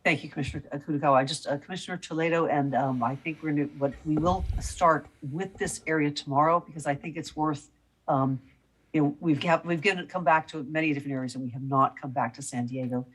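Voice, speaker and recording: A woman's voice: low-pitched, steady tone, breathy edge, rough recording. Woman chair moving speakers along. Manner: brisk, managing speakers and time. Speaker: meeting chair. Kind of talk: chairing a public meeting.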